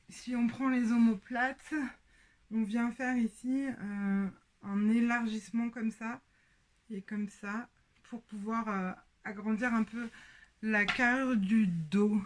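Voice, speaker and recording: French woman chatting about her sewing at home, slow and halting, lots of ums, highish voice. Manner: hesitant, many pauses and fillers. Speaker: sewing podcast host. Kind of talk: casual show-and-tell.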